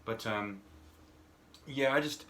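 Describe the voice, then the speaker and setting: Rambling American man with a bright, tight voice. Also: mid-range voice, slow pace, slight background noise. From United States. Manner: rambling, repeats words, says "and whatnot" often. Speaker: YouTuber and smoking vlogger. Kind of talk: casual rambling monologue. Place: home smoking room with door open and fan on.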